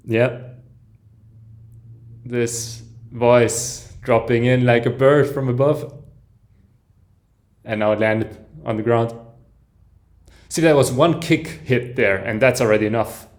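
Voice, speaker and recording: A man reacting live to an album, commenting enthusiastically with soft "ooh"s and chuckles, often breaking off and restarting sentences as he listens. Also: mid-range voice, fairly even intonation, slow pace, pauses often. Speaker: music reaction host.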